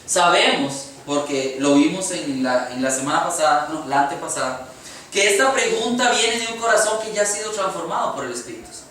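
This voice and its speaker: Earnest Costa Rican preacher in echoey church. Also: male voice, on the high side, expressive, a little fast, a bit bright, slight background noise. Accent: Costa Rican Spanish. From Costa Rica. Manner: earnest preaching with rhetorical questions. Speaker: pastor. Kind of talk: sermon. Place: church sanctuary. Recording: echoey church hall from far off.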